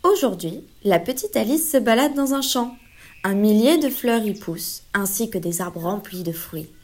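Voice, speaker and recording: A woman narrating a children's fable aloud in a gentle, clear storytelling manner. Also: medium pitch, animated, moderate pace. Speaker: story reader.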